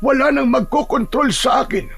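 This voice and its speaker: Guy putting on a thankful old lolo, way high pitched, husky, horror story. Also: moderate pace, fairly bright tone, soft background music, full character voice. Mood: grateful. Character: old grandfather, freed and grateful.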